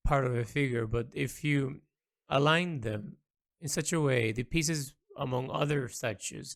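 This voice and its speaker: An illustrator and storyteller records an unscripted, reflective audio log in a medium-pitched voice. He often halts to search for words and repeats himself.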